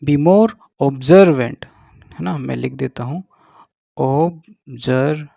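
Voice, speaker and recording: Male English teacher, slow and deliberate, gravelly voice, dry and slightly dull recording. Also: medium pitch, warm tone, dry recording. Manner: slow, drawn-out English words, repeats with "ठीक है". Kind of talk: slow explanatory lesson.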